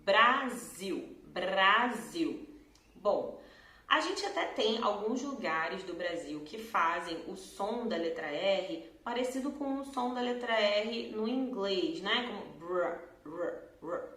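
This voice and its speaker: A Brazilian woman who teaches Portuguese gives a pronunciation lesson to camera in a Carioca accent, speaking slowly and clearly and stretching out her example words. Her voice is medium-pitched, expressive and fairly bright. She stands in front of a door in a room at home, and the recording sounds echoey.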